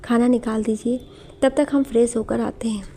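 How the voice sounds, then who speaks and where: A woman voicing a gentle, apologetic young husband, speaking in a soft pleading tone. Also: a little high, fairly even intonation, moderate pace, a little hiss or hum, lightly acted.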